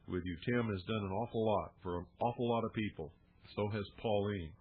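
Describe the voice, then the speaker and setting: A man speaks as a radio host in an earnest, plainspoken way, dotted with homely fillers. His voice is slightly low and husky. The sound is thin and narrow, like a phone line. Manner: earnest, heartfelt appeal with folksy fillers. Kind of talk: radio talk.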